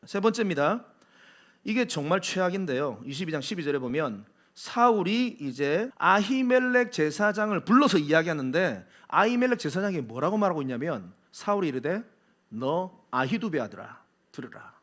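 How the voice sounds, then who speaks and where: A male pastor preaching a sermon in an animated way, joking with the congregation and acting out quotes. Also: high voice, brisk. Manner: jokes with congregation.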